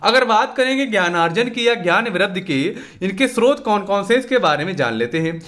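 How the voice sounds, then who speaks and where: Bright, high-voiced man tutoring exam questions. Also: lively intonation, brisk. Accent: Hindi. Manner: conversational, repeatedly asks and answers own questions. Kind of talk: exam revision lesson.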